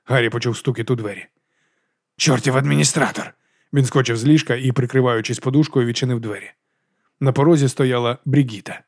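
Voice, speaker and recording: A man reading a novel aloud as an audiobook narrator, in brisk, even storytelling. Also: mid-range voice, no echo, studio quality.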